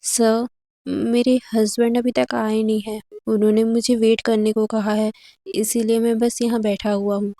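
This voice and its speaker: A woman's voice: fairly high pitch, flat delivery, normal speed, mellow, no echo, studio quality, lightly acted. A woman voicing a shy, polite young man who turns down help timidly.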